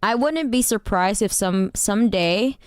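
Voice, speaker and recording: A woman's voice: mid-range voice, expressive, unhurried, no room sound, clean studio sound. A woman streamer rambling in casual chat with her viewers, laughing often and swearing casually.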